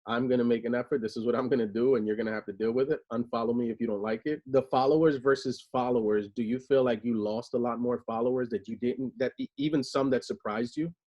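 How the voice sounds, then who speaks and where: A man's voice: mid-range voice, fairly even intonation, fast, few pauses, a little mellow. Rambling enthusiastic male talk show host. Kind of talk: casual chat. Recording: dull lo-fi recording.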